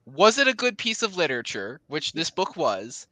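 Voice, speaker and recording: A man's voice: a little high, big pitch swings, normal speed, pushed and bright, no room sound. A man chatting casually in a book club discussion, rambling with lots of fillers and restarts.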